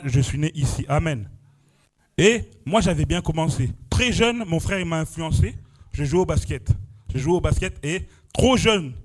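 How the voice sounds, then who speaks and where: A slightly high male voice with a darkish tone belongs to a young Frenchman giving a testimony sermon at a church prayer vigil. He speaks in exclamations, marking his phrases with "amen" and "alléluia."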